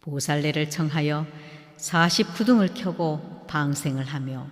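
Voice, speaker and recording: The Buddha as a calm, elderly male teacher, as a man reading the scripture puts him on, speaking in a measured, solemn cadence. A long reverb trails each phrase. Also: on the high side, natural voice.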